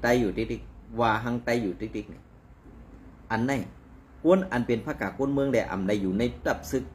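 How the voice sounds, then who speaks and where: A man giving conversational news commentary in an animated, rambling way, with frequent fillers. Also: mid-range voice, fairly quick, a little hiss or hum.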